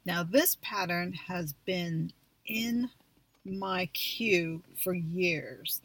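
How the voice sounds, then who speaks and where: Lady podcast host chatting slow and easy, kinda low voice, no room echo. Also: fairly bright tone. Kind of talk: casual chat about knitting projects.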